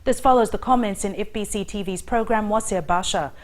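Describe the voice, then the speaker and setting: A woman's voice: medium pitch, a little fast. A woman reading scripted news as an anchor.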